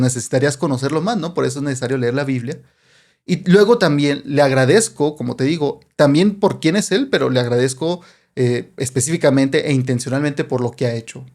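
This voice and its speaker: A man's voice: on the high side, darkish tone. Earnest man teaching on prayer. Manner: earnest, explanatory, with frequent restarts and acted prayers. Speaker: podcast host.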